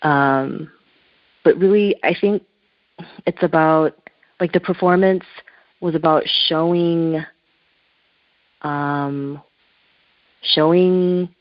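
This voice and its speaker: A spiritual artist whose first language is Korean is interviewed by telephone, her very deep voice reaching the listener over a muffled line in a dry recording. She talks in a searching, reflective way, with loose phrasing.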